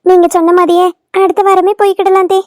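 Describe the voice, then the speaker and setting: A woman's voice: very high-pitched, little pitch movement, fast, noisy background. A woman voicing a homesick young daughter-in-law in a cartoon, with a sulky, complaining manner. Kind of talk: cartoon voice acting.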